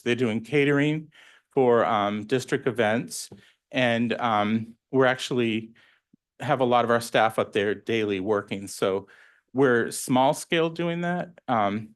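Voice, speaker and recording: A man who runs a school nutrition program, explaining at a public board meeting in a plain way with frequent ums. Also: medium pitch.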